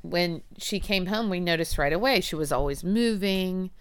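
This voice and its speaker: Woman, 40s, heartfelt personal storyteller; lowish, smooth voice, dry close sound. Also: normal speed, no room sound. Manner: earnest, emotional, acts out quoted voices. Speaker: interviewee, mother.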